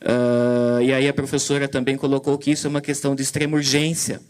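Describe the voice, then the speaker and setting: This event moderator comments on a conference talk in a medium-pitched, darkish voice, speaking fast and in a monotone. His delivery is hesitant, full of fillers and restarts.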